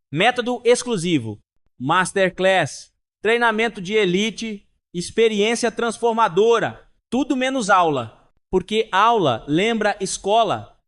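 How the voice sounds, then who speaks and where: High-voiced folksy Brazilian joke-teller. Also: male voice, a bit bright. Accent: Brazilian Portuguese. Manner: folksy, mocking, rhetorical questions. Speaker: comic storyteller. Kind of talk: joke monologue.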